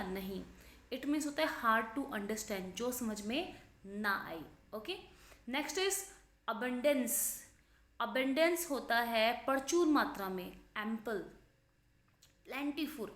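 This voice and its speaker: A woman with a slightly high voice teaches English vocabulary for exams, recorded in an echoey room. She talks in a chatty, explanatory way, spelling words out letter by letter and offering memory tricks. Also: fairly bright tone. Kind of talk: exam-prep vocabulary lesson.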